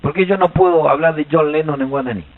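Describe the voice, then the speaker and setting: Animated Argentine man lecturing, gravelly. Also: a little high, quick pace, phone-quality sound. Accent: Argentine Spanish. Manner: animated, joking, quizzes the audience. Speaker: Guaraní language teacher at a seminar. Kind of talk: lively seminar lecture. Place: seminar hall.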